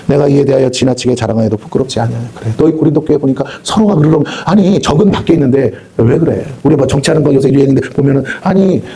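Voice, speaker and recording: A male pastor preaching a revival sermon, talking rapidly and rising to shouted rebukes. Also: medium pitch, creaky, breathy edge. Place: prayer house meeting hall.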